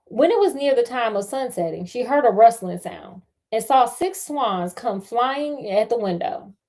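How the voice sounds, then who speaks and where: An American storyteller and host reads a fairy tale aloud, breaking off now and then for sassy, chatty, colloquial joking asides. Her voice is on the high side, warm and expressive, at a measured pace.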